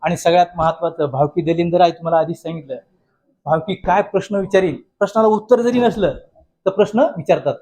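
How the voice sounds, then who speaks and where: A man speaking with a noticeably high-pitched voice. He addresses college students in a humorous motivational talk. He spins a folksy anecdote and acts out each quoted line. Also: quick pace. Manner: folksy, lively anecdote-telling with acted-out quotes. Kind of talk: humorous motivational speech with storytelling.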